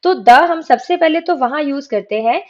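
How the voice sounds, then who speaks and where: A woman's voice: sits high, lively intonation, moderate pace, a little mellow. A woman teaching English grammar from slides. She asks her students questions and answers them herself. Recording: dull lo-fi recording.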